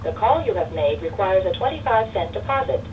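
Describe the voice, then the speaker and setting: A woman's calm, measured recorded voice plays over a payphone line, prompting for coin deposits. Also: mid-range voice. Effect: recorded payphone announcement heard over the phone line. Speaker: automated payphone announcement. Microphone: heard through a payphone handset. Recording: muffled phone line, distant, noisy.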